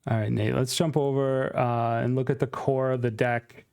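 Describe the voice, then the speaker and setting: A man's voice: mid-range voice, level tone, moderate pace, vocal fry, a little mellow, clean tone. A man hosting a casual card game talk show, steering the conversation in a friendly way with frequent ums. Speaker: channel host.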